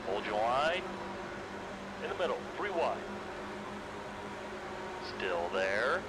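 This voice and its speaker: A man plays a race spotter on team radio in a racing game. His calls are short and clipped, delivered slowly with a pitch that moves around a lot. Loud engine and vehicle noise runs under everything. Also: exaggerated voice. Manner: terse, clipped.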